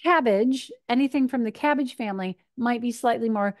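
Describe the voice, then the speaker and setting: A woman in her fifties from Michigan, a nutrition speaker answering questions in a chatty, animated way over a video call from her home kitchen. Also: on the high side, normal speed. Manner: chatty and animated, gesturing, acts out her own thoughts. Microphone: video call webcam.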